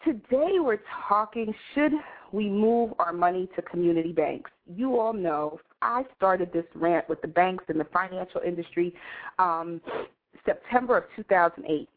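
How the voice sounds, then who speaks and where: A woman's voice: lowish voice, expressive, normal speed. A woman hosting a morning show in a casual, chatty way, addressing listeners familiarly. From New York City, USA. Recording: tinny, phone-like internet radio line.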